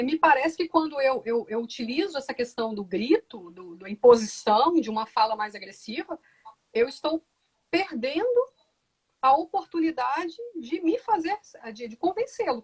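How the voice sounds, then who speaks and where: Husky-voiced woman lawyer explaining calmly. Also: sits high. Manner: measured, reflective, frequent "né?" tag questions. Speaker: law professor and lawyer. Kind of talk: interview answers.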